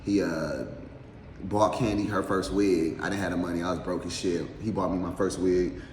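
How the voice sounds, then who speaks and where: A man's voice: low-pitched, steady tone, moderate pace, darkish tone. A man hosting a casual eating show, talking candidly in heavy slang and swearing freely. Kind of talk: casual chat and mukbang. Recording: echoey room with long reverb, faint noise.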